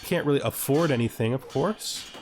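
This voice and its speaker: Music plays behind a male gaming host as he narrates a casual let's-play, musing in fragments and quizzing himself along the way. His mid-range voice runs at normal speed, and there's a little hiss or hum in the audio.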